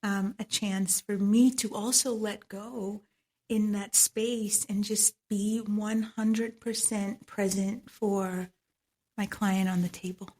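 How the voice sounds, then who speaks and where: A woman's voice: mid-range voice, fairly even intonation, takes it slowly, warm tone. A woman from Trinidad with a Trinidadian accent, speaking as a guest on a podcast, reflective and often laughing. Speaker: guest, medical esthetician. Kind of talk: podcast interview.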